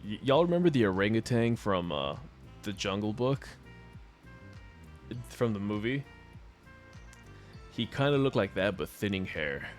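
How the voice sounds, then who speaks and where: A man's voice: on the low side, sing-song, a little slow, pauses often, faint music behind. A man streaming a video game, telling a long story in a casual, profane, rambling way and laughing often. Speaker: gaming streamer.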